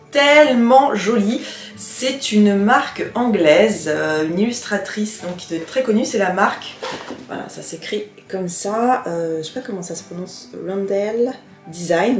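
A woman's voice: mid-range voice, echoey room. A woman vlogger chatting casually to camera as she shows off her gifts, gushing and full of fillers and restarts. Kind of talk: casual haul chat to camera.

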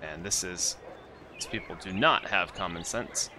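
A man's voice: sits low, unhurried, background noise. A man casually commenting on his own gameplay as the host of a let's play, chatty and self-mocking, talking to the characters on screen.

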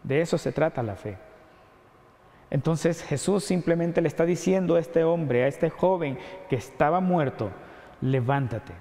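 Long hall reverb surrounds this mellow, measured-paced sermon from a pastor with an Ecuadorian Spanish accent. He earnestly asks rhetorical questions and lets his voice sink low when stressing key points.

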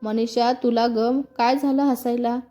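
A woman voicing a kindly middle-aged aunt in a storybook reading, gently chiding the girls. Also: on the high side, fairly even intonation, unhurried, soft background music, close to an everyday voice.

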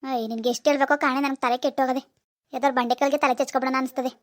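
Woman voicing a cartoon husband: middle-aged, grumpy, bossy, scolds nonstop, high and fast. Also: little pitch movement, dry recording, close to an everyday voice. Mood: exasperated. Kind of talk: cartoon dialogue.

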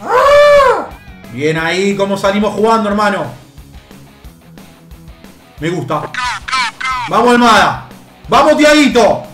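Animated high-voiced Argentine gamer. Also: male voice, unhurried, long pauses. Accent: Argentine Spanish. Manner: animated, cheering players on, bursts of shouting. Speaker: gaming YouTuber. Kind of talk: excitable gameplay commentary, playing the coach. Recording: roomy home setup with faint background music.

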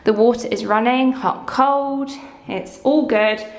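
A woman in her twenties giving a chatty, excitable house-tour vlog of her renovated bathroom, filmed on a handheld camera. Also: a little high, takes it slowly. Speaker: vlogger. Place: empty bathroom under renovation, indoors. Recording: echoey bare room.

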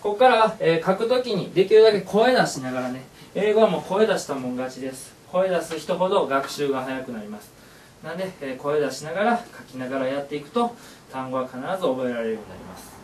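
A man's voice: a little high, animated, quick pace, slight background noise. A male teacher who gives a classroom lesson, upbeat and encouraging, repeating phrases aloud. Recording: echoey room, voice from far off.

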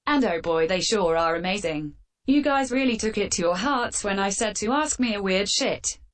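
A woman hosting a fan Q&A with sarcastic, deadpan answers, her voice run through a metallic filter. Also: mid-range voice, moderate pace. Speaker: channel host answering fan questions. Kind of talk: scripted comedic Q&A.

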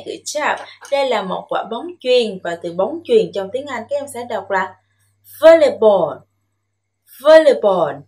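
A woman from Vietnam teaching English to young children, modelling words slowly and emphatically for them to repeat and coaxing them with gentle questions. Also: on the high side. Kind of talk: bilingual classroom lesson with listen-and-repeat drills.

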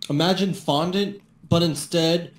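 A man's voice: fairly high pitch, steady tone, unhurried. A young man talking casually as a podcast guest, stammering with lots of fillers and giggling often. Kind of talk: casual chat. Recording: roomy mic with faint background noise.

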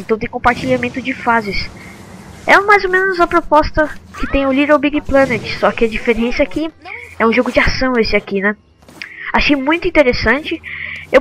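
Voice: mid-range voice, fairly bright tone, a little hiss or hum, low-quality recording. A Brazilian game video host giving casual, slangy commentary, thinking aloud while playing.

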